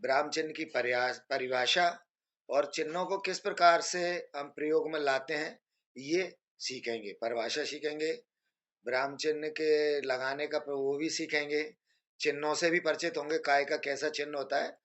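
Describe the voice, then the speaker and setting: High-pitched patient male teacher. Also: fairly even intonation, a bit bright, muffled recording. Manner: patient, deliberate, repeats examples slowly. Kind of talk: screen-based online grammar lesson.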